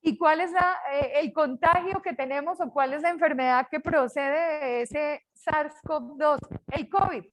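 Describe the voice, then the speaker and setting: An older woman from Colombia with a Colombian accent, teaching a class with a lively, joking manner. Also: high-pitched, measured pace, few pauses, low-quality recording. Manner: lively, jokes with students. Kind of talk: online class lecture.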